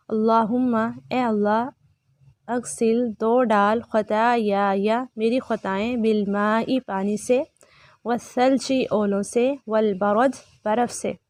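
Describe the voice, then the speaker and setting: A woman tajweed teacher with a somewhat high voice, reciting each phrase slowly and deliberately. She breaks off into quick explanations of pronunciation. The sound is close and dry. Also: no echo. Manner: slow, careful recitation alternating with quick explanations. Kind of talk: online recitation lesson.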